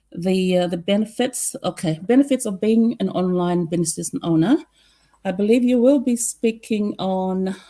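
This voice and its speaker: Older female host from Fiji, low mellow voice, hesitant and filler-heavy. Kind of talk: casual online live chat.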